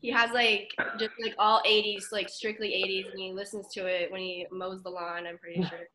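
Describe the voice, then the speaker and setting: A woman's voice: mid-range voice, level tone, fairly quick, sharp tone, slight background noise, rough recording. A young woman, a student athlete, chatting casually with lots of fillers. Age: young adult. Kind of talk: casual chat.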